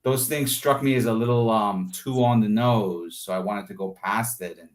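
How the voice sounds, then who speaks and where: Talking at normal speed with a fairly low pitch, a male artist reflects casually on his creative process in an interview. He's thoughtful but often searching for the right word, dropping in "like" and "you know" along the way.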